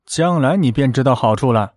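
A stern, calculating imperial minister, voiced by a male storyteller, measured and commanding. The voice stays near an ordinary man's pitch, recorded dry and close. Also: expressive, a little mellow, no room sound, lightly acted.

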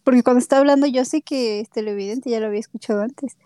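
A woman's voice: a little high, fast, dark tone, no room sound. A sleepy woman in a casual voice chat, hesitant and trailing off.

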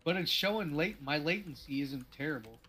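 A man's voice: on the high side, expressive, a little fast, pushed and bright, slightly rough. A man chatting casually while gaming, full of bro slang and heavy swearing. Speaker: gamer on a stream.

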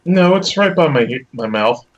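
A man's voice: fairly high pitch, animated, a little slow, highs cut off. A man co-hosting a casual chat on a headset, his voice hollow and tunnel-like, like a speakerphone. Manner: laid-back, rambling storytelling. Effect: hollow, tunnel-like sound like a speakerphone.

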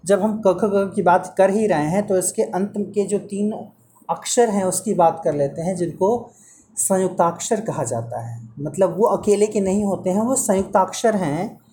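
A man's voice: sits high, moderate pace, mellow. A man teaching Hindi pronunciation to a student one-on-one, patiently repeating sounds and correcting mistakes.

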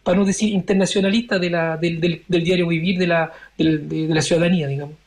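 A man in his forties, born in Chile, answering interview questions as a member of parliament in a measured way, searching for his words. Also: fairly high pitch, steady tone, a little mellow. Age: 40s.

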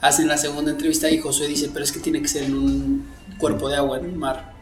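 A man telling a story in a casual podcast chat, animated and full of fillers. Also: fairly high pitch, fast, soft background music. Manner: animated storyteller, acts out quotes, many fillers. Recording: roomy echo.

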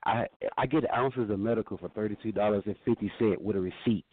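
A man's voice: on the low side, quick pace, dry recording. A man from Georgia, calling into a show and chatting casually. He is laid-back and profane, and he repeats himself. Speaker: caller. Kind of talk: casual call-in chat. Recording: tinny phone-line audio, dry.

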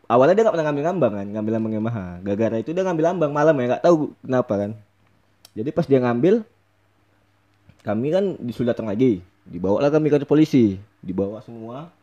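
A young man telling a story in casual chat, animated and laughing often as he acts out what people said. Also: medium pitch, fast, muffled recording. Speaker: storyteller guest.

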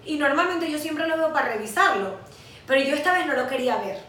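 Una mujer de unos veinte años con acento venezolano, copresentadora de un pódcast, que cuenta sus vivencias con franqueza y anima sus relatos imitando voces. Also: female voice, high-pitched, fast talker, very echoey, distant mic, a little hiss or hum. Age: 20s. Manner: candid, animated storytelling with acted quotes. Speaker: podcast co-host. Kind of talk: casual chat.

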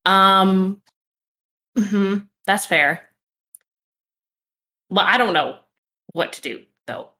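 A woman's voice: medium pitch, drawn-out words, long pauses, bright, forceful tone. A woman playing a tabletop role-playing game, talking casually in character, laughing often and hedging with fillers.

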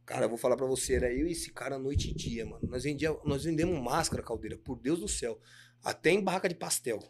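A man's voice: mid-range voice, fast talker, background noise. A man with a Brazilian Portuguese accent, a podcast guest who tells his stories in slangy casual chat and acts out the dialogue. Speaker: guest, clothing brand owner.

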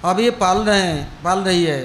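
A man's voice: sits high, normal speed, fairly bright tone, slight background noise. A male preacher telling a devotional story in a sermon, acting out the characters' dialogue as he goes. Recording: echoey room with faint ambience.

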